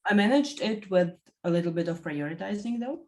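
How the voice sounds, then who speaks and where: A woman in her thirties from Latvia, giving a reflective testimonial interview and pausing often to find her words. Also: medium pitch, animated. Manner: thoughtful, many fillers and self-corrections. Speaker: interview guest, executive assistant.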